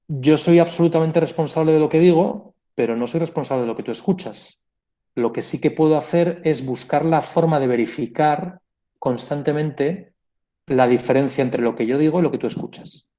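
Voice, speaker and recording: A man's voice: fairly high pitch, moderate pace, mellow. A man giving a reflective pastoral conference talk, explaining ideas with asides and small self-corrections. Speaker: conference speaker.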